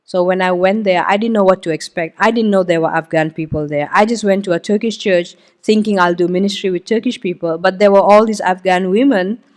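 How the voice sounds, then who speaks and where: A Hindi-speaking woman, a missionary guest speaker, gives her testimony at a church service in a mid-range voice, talking a little fast with hardly any pauses. Her delivery is informal and chatty, full of "um" and "uh," and she breaks off now and then to point things out to the congregation on a map.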